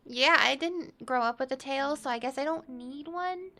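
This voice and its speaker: A woman playing a friendly, slightly awkward elf adventurer in a tabletop game, speaking politely and haltingly. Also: high-pitched, pushed and bright.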